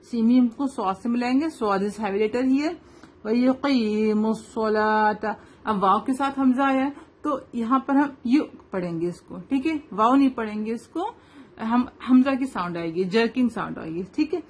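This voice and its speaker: A woman, teaching tajweed to children, explaining rules quickly and then reciting slowly word by word. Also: on the high side, expressive.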